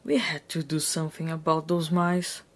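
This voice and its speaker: A woman's voice: low-pitched, little pitch movement, normal speed, lightly acted. A woman voicing a storybook mother with theatrical, declaiming delivery. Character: dramatic, reassuring mother in a storybook.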